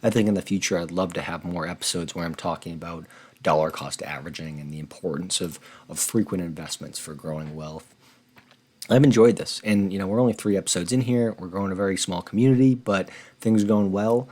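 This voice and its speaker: A man's voice: low voice, a little fast, darkish tone. A man hosting a personal finance channel, explaining figures from a spreadsheet in an earnest, conversational way. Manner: earnest, conversational, repeats words when rephrasing. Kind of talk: casual explainer walking through a spreadsheet.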